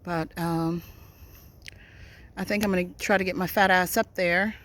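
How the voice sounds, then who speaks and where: A woman's voice: lowish voice, steady tone, unhurried, a bit bright, a little hiss or hum. A woman casually vlogging outdoors in the countryside while walking and foraging, chatty and self-deprecating.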